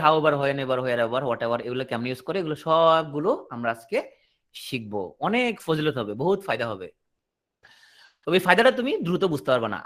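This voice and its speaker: A man teaching English grammar in an online class, reading English sentences slowly and translating them, with frequent checks like "right?". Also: medium pitch, fairly bright tone. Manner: explains in a question-and-answer rhythm, repeating and checking understanding.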